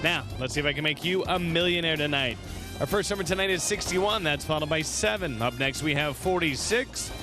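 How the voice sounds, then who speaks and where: A man's voice: a little high, a little fast, music in the background. A man hosting a televised lottery draw, announcing in an upbeat, presentational style.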